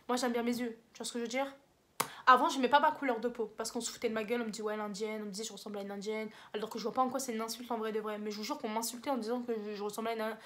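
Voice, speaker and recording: A young woman chats to camera with a French accent, rambling through slangy advice and teasing herself along the way. Her voice sits a little high and the words tumble out fast. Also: a bit bright. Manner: rambling, slangy, self-mocking. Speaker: vlogger. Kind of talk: casual advice vlog.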